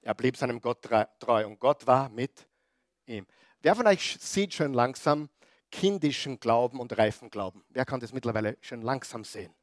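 A man preaching a sermon, throwing rhetorical questions at the congregation and swinging between loud emphatic bursts and quiet asides. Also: medium pitch, animated, moderate pace, no echo, clean studio sound. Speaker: pastor.

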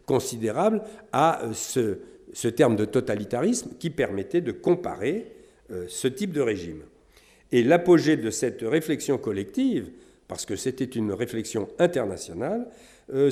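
A middle-aged man from France giving a measured academic lecture, pausing often with fillers. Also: medium pitch, mellow. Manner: measured, many hesitations with euh and hein. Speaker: historian lecturer.

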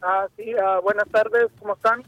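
A man's voice: high-pitched, fairly even intonation, normal speed, no echo. A man calling in by phone to a sports show, chatting casually and hesitantly with fillers and restarts. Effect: heard over a phone line. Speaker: caller to a sports radio show. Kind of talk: casual call-in opinion.

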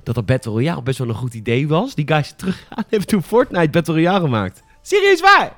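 Casual male podcast host, Rotterdam accent, blunt and sweary, quick delivery in a dry close recording. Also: on the high side, expressive, a little mellow, no room sound, faint music behind. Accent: Rotterdam Dutch. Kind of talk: casual gaming chat.

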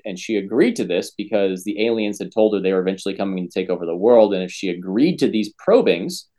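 A man's voice: fairly low pitch, darkish tone. A man co-hosting a podcast, telling a story in a plain, casual way with fillers. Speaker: podcast co-host.

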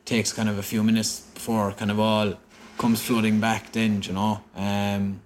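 A man's voice: lowish voice, normal speed, slight background noise. An Irish man, an interview guest, recounting a personal story in conversation and acting out what people said. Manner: animated, quotes dialogue as he recounts.

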